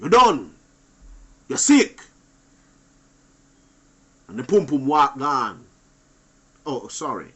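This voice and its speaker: A man giving an animated, preachy monologue to other men, swinging between loud outbursts and low asides. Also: drawn-out words, long pauses. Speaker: channel host.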